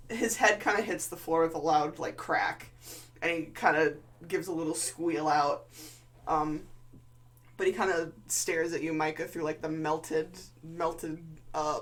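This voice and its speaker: A woman improvising tabletop game narration as game master, in a vivid, casual, sweary manner. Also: deep voice.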